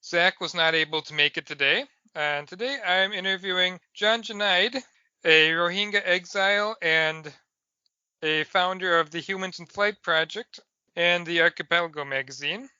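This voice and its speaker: Bright, smooth-voiced male podcast host. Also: high voice, normal speed, no room sound, muffled recording. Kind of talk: podcast interview hosting.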